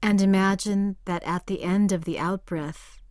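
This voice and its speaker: A woman guiding a meditation in a soft, calm voice that sometimes drifts into a whisper. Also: mid-range voice, measured pace, no echo, clean studio sound. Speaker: meditation guide. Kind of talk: guided meditation.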